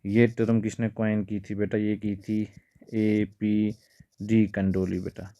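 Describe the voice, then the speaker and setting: Flat-voiced low male biology tutor. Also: takes it slowly, no room sound, dull audio. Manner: keeps calling students "beta", mixes in English terms. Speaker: biology teacher. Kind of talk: exam-prep lecture.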